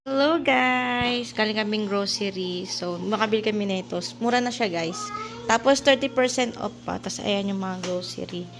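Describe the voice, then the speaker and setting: A vlogger with a medium-pitched voice chats casually at a moderate pace in a home vlog, showing off her fridge and groceries while switching between Tagalog and English. There's noticeable background noise in the recording.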